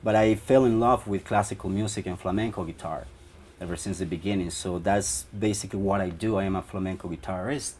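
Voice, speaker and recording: Rambling Ecuadorian man, lowish voice. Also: fairly even intonation, brisk, darkish tone, slight background noise. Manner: rambling, many "you know" fillers. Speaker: band guitarist. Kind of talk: interview answers.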